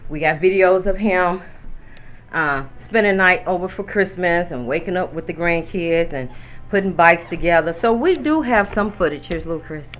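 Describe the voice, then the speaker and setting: Bright-voiced grandmother in her fifties. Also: lowish voice, moderate pace, a little hiss or hum. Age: 50s. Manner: chatty, rambling, addresses viewers directly. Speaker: grandmother vlogger. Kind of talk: casual talk to camera. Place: at home, in her bedroom.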